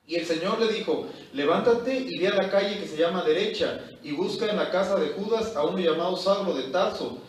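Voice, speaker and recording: Pastor exhorting in an echoey church hall. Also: male voice, high-pitched, normal speed, far from the mic, a little hiss or hum. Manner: exhorting, reads scripture aloud and comments with asides. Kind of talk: Bible study sermon.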